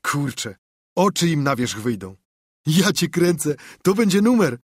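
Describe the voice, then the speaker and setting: A man voicing a boastful young boy in an audiobook, talking excitedly about showing off. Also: a little high, measured pace, husky, dry recording, clean studio sound, voice pushed up, full character voice. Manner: bragging, excited.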